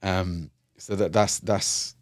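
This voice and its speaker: Speaking as an interview guest, a man who does youth and community work reflects on what he does, pausing, restarting, and filling gaps as he circles back. His very low, deep voice holds a steady tone. There's no room sound at all; the recording is close and dry.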